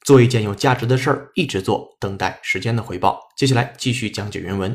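A man's voice: lowish voice, quick pace, darkish tone. A man teaching English on a podcast, explaining sentences patiently with frequent "ah" and "uh" fillers.

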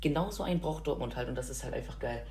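A woman's voice: very deep voice, expressive, rapid-fire, warm tone, a little hiss or hum. A woman co-hosting a casual chat about football, talking enthusiastically with many fillers. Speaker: football podcast co-host.

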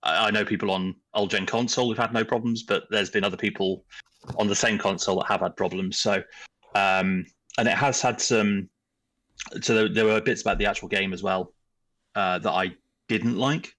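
A young man with a low voice that still comes across bright and forceful, chatting on a podcast. He hesitates a lot, filling gaps with ums, and speaks earnestly about what he did and did not like. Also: fairly even intonation, moderate pace. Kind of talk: casual chat.

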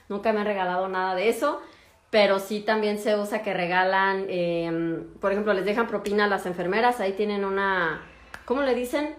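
A woman's voice: mid-range voice, echoey room. A woman with a Mexican accent, a doctor chatting casually with viewers in a livestream and acting out what patients say. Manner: chatty, animated, acts out patients' lines. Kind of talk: casual live chat with viewers.

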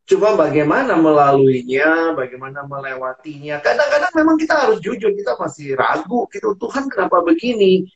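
A man's voice: fairly high pitch, very animated, a little fast. Earnest man on lo-fi audio. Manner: earnest, acts out quoted dialogue. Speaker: guest speaker.

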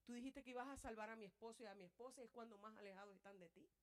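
A woman preacher giving an impassioned sermon. She moves between loud, fervent passages and hushed, prayerful ones, and speaks both to the congregation and to God. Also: fairly high pitch, rapid-fire.

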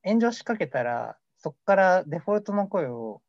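A man's voice: high voice, big pitch swings, moderate pace, darkish tone, no room sound. A young man co-hosting a casual mock radio show, rambling and joking at himself. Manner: rambling, jokey, self-deprecating. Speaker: amateur radio show co-host. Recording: dull lo-fi dry recording.

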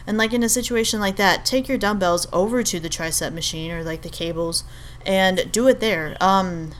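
A woman's voice: medium pitch, normal speed, a little hiss or hum. A young woman from Albania hosting a podcast, talking in a rambling, casual monologue full of fillers and restarts. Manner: chatty, rambling, many fillers and self-corrections. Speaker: podcast host.

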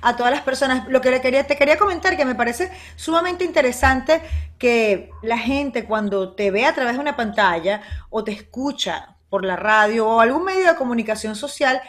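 A woman's voice: a little high, animated, fairly quick. A woman hosting a casual interview, effusive and emphatic. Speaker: host.

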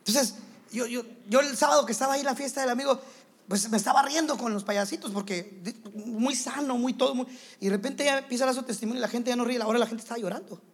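Pastor guy preaching, really high voice, lively, acts out little scenes. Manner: animated, with quick acted asides in other voices. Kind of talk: sermon to church leaders.

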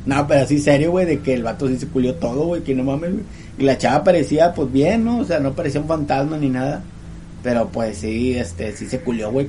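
A man's voice: medium pitch, dark tone, slight background noise. A man, co-hosting a podcast and telling a ghost story in loose, slangy chat, tossing in "güey" every few words.

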